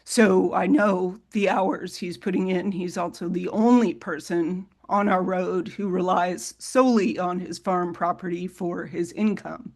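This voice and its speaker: A woman's voice: fairly low pitch, fairly even intonation, unhurried, few pauses, a little mellow. A woman giving testimony as a resident at a public hearing, her voice shaky and wobbly from a vocal tremor.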